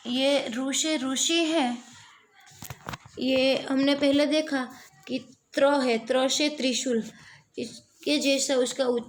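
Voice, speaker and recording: Slow, high-voiced woman teacher. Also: fairly even intonation. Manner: drawn-out demonstrating of each sound. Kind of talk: slow classroom explanation of vowel sounds.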